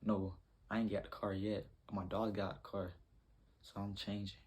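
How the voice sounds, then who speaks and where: A man's voice: on the low side, flat delivery, normal speed, darkish tone, husky. A young man telling a rambling, slangy story in a casual storytime vlog.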